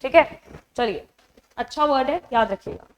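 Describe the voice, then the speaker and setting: Indian woman, exam-prep teacher, high voice, explains patiently and checks in with students. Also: lively intonation, moderate pace, a little hiss or hum. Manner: explains in mixed Hindi and English, checks understanding with questions. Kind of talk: online classroom lesson.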